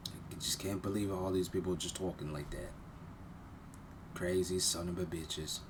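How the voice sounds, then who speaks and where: A man's voice: sits low, steady tone, normal speed, background noise. A man hosting a reaction video, talking bluntly and mockingly in casual commentary. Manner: blunt, mocking, repeats himself.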